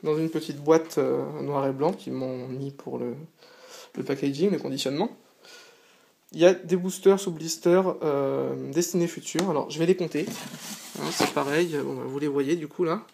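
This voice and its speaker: A weary-sounding channel host sits on a small indoor sofa for a casual unboxing vlog, chatting eagerly but hesitating often. His voice runs on the high side, steady and creaky with a darkish tone, at a normal speed. A faint hiss or hum sits under the recording.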